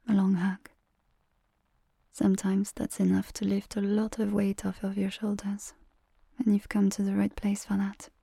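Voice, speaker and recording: A gentle, doting massage attendant, played by a woman in an ASMR roleplay, murmuring in a soft whisper with French endearments. Her voice is husky and mellow, with a gravelly creak under the breath. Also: mid-range voice, dry recording, full character voice.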